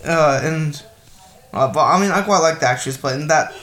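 A man, co-hosting a casual film review podcast, animated and sarcastic, acting out quotes. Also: fairly high pitch, moderate pace. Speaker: podcast co-host. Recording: echoey room with faint noise.

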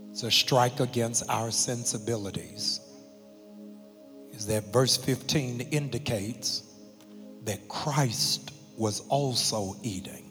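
A man preaching a sermon as pastor, slow and emphatic, with dramatic pauses. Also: mid-range voice, fairly bright tone. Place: large church sanctuary. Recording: long hall reverb with faint music.

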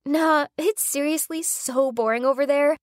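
Woman doing a teenage girl, blunt, complaining, bright high pitch, dry close sound. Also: measured pace, no room sound. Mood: fed up. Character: restless teenage girl, twin sister, bored rich kid.

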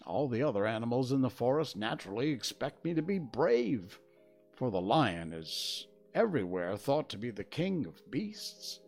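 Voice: medium pitch, darkish tone. Cowardly Lion, mournful and hesitant read aloud. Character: cowardly sorrowful male lion, huge. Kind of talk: storybook reading.

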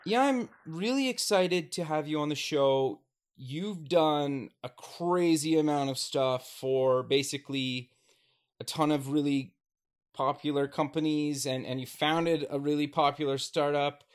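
A man's voice: on the high side, unhurried. Upbeat male podcast host. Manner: upbeat, short interjections. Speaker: show host. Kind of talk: casual interview talk and read sponsor ad.

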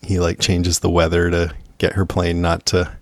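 A man's voice: deep voice, completely flat delivery, normal speed, dry recording, studio quality. A man hosting a podcast, talking casually about favorite movies and animatedly acting out lines. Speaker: podcast host. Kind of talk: casual film chat.

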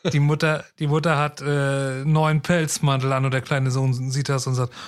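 A man's voice: mid-range voice, clear, resonant tone. A man telling crude jokes in a casual round with friends, laughing at his own punchlines. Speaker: joke teller.

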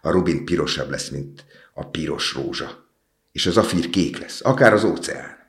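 A man's voice: very deep voice, lively intonation, gravelly, fairly bright tone, echoey room, exaggerated voice. A man reading a storybook aloud and voicing a small, devoted male swallow, lifting his voice for the bird's eager, pleading lines. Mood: wistful.

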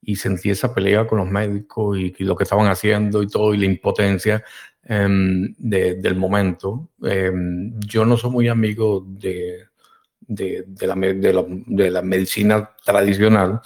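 Halting male podcast host. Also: on the low side, flat delivery, a little mellow. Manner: halting, repeats words while thinking. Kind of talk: live call-in talk.

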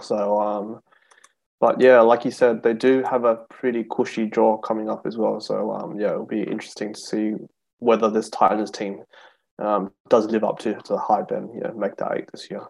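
Lowish-voiced, tentative man. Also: level tone, moderate pace, creaky, darkish tone, poor audio. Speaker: podcast guest co-reviewer. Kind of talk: casual sports discussion.

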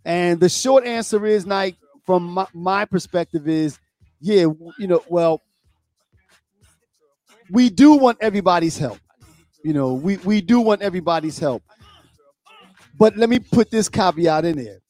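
A man co-hosting a casual talk show, speaking in halting bursts and often repeating and restarting his words. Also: high-pitched, lively intonation, darkish tone, dry recording. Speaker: co-host.

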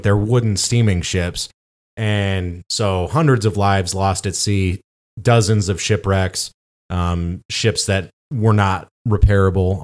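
Low-voiced man rambling casually. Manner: rambling storytelling with many fillers. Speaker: podcast co-host. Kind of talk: casual chat.

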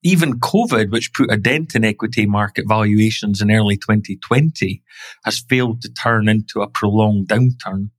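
Low-voiced man giving dry financial commentary. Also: no echo. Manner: wry, measured, stresses key words. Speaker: podcast host.

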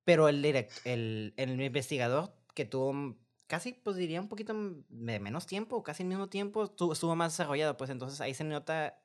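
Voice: mid-range voice, animated, a little fast, hardly any pauses. A speaker with a Mexican accent co-hosts a casual film review chat. They talk enthusiastically, with heavy slang and swearing. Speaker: podcast co-host.

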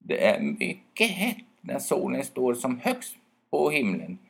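A man's voice: mid-range voice, huge pitch swings, gravelly, fairly bright tone, husky, pitched above the performer's own voice, exaggerated voice. A man voicing a wise and kind male owl who stammers when startled awake. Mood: kindly advising.

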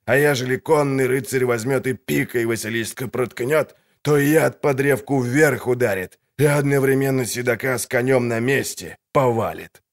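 Male narrator doing a boastful pockmarked showman, gravelly and barking, for a storybook reading. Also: mid-range voice, moderate pace, few pauses, voice pushed up, natural voice. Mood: hawking. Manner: barking, folksy huckster patter. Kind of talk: audiobook character voice.

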